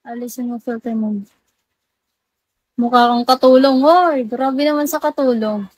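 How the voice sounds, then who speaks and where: A woman's voice: on the high side, a little slow, a little mellow, slightly rough. A Filipino woman live streamer with missing front teeth, chatting casually and playfully with her viewers. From Philippines. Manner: teasing, playful banter.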